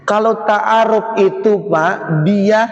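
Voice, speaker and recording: A man's voice: sits high, takes it slowly. A man preaching in a mosque and joking, often asking the crowd questions. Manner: jokey, keeps asking the audience questions. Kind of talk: mosque sermon with audience banter. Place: mosque hall. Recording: echoey mosque hall, muffled sound.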